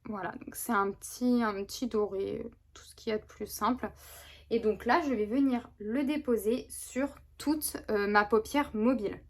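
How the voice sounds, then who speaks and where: A woman with a somewhat high voice chats her way through a makeup tutorial. She rambles, restarts her sentences and fills pauses with hesitations as she explains each step. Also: fairly even intonation. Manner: chatty, rambling with many fillers and restarts. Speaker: beauty vlogger. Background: neighbor's lawnmower.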